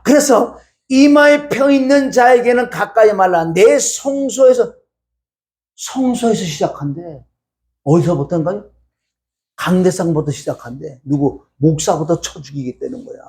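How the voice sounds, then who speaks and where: A middle-aged man preaching a sermon as a pastor, telling a story in an animated way and acting out scolding voices. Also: high voice, moderate pace, gravelly.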